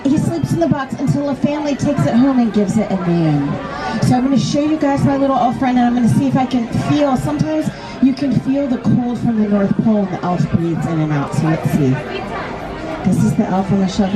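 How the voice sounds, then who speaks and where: At a large, busy toy store event, a woman reads a picture book aloud to children and asks them simple questions. Her voice is a little high and a little fast, and the rough recording is full of crowd noise and loud music.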